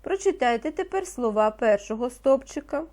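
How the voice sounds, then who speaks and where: A woman teaching a reading lesson to young children, speaking slowly and patiently and pronouncing each word with care. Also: high-pitched, animated, darkish tone. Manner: slow, patient, encouraging, pronounces words carefully. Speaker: primary school teacher.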